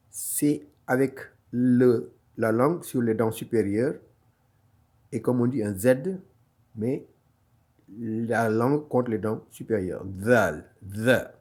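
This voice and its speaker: A man teaching letter pronunciation at an unhurried pace, pausing between words. He repeats each sound several times with patient care. His voice sits in an ordinary middle pitch. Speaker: Quran recitation teacher. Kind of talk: slow online lesson.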